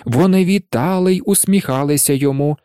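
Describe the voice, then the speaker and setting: A man narrating a storybook aloud in an expressive storytelling manner. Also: a little high, brisk, smooth, dry recording, studio quality. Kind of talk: audiobook narration.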